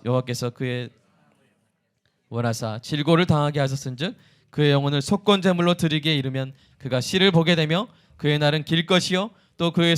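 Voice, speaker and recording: A male pastor preaching a sermon in an animated way, often asking the congregation questions. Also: a little high, clean tone.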